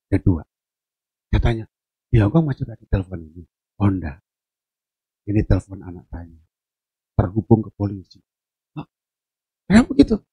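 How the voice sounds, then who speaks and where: A pastor delivers a sermon at a church service, telling stories laced with jokes. His husky voice, with vocal fry, swings from low murmurs up to shouted preaching.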